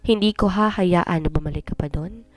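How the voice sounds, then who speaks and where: A woman voicing a gentle, protective father who speaks softly and soothingly to his frightened daughter. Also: lowish voice, normal speed, no room sound, close to an everyday voice. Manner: soft and soothing.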